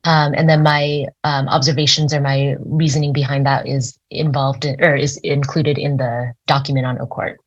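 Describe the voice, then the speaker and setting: A woman's voice: extremely low pitch, little pitch movement, normal speed, hardly any pauses. A woman lawyer formally addressing a judge. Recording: dull lo-fi courtroom sound.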